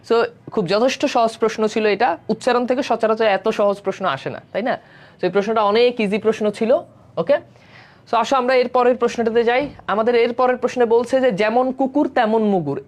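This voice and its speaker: Man, exam-prep teacher, live online class, step-by-step explaining, checks in with students, mixes in English words. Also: sits high.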